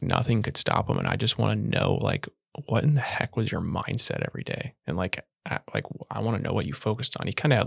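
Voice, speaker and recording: A relaxed young man from Iowa talks as a podcast guest, his low voice carrying a gravelly edge. The sound is dry and close, with no room around it. He chats easily and laughs often. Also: dry recording. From Iowa, USA. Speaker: podcast guest, video production business owner. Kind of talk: casual interview conversation.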